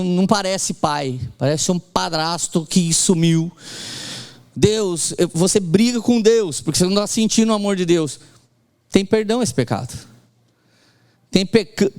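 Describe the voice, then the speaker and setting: A middle-aged pastor from Brazil preaches in a high, lively voice. He acts out the lines he quotes and has the congregation repeat after him. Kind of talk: sermon.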